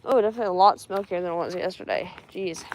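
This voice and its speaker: A woman's voice: fairly low pitch, fast talker, a little mellow, a little hiss or hum. A woman vlogging as she walks through a burned cemetery outdoors, talking to herself with dry, sarcastic asides. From Spokane, US. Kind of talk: casual vlog narration while walking.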